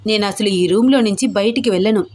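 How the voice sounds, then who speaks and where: A woman's voice: medium pitch, quick pace, a little mellow, lightly acted. A woman voicing a flustered young bride in a read-aloud love story, exclaiming and scolding in a raised voice. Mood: annoyed. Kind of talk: storybook character voice.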